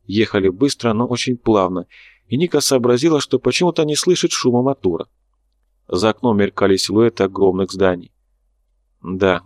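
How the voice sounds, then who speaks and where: A man with a fairly low voice reads an audiobook in a steady, even narration. The sound is dry and close, with no room behind him. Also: no echo. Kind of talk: scripted narration.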